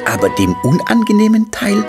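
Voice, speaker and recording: A man narrating a children's cartoon story in a gentle, coaxing way, speaking to the little hero. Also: high voice, very animated, normal speed, music in the background. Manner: gentle, coaxing, talks to the figure.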